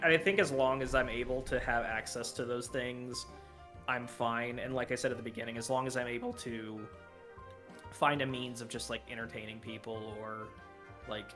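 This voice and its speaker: A man's voice: medium pitch, flat delivery, moderate pace, over music. A podcast guest with a sore throat, a man chatting casually in a rambling way, trailing off with fillers. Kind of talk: casual chat.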